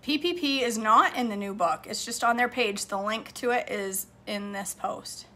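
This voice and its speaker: A woman in her forties from Maine, USA, hosts a livestream from her home kitchen as a home cook, answering viewer comments in a chatty, rambling way and laughing easily. Her voice sits on the high side with a sharp tone. A phone camera held at arm's length picks her up, with a faint hiss or hum.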